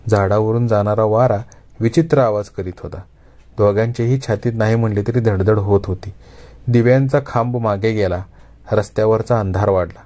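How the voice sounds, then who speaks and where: A man telling a story aloud in a measured, expressive narrating voice. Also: lowish voice. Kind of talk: Marathi kathakathan storytelling.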